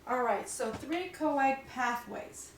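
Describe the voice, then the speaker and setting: A woman giving a classroom lecture, explaining step by step with many fillers and pauses. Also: high-pitched, echoey room, slight background noise, rough recording.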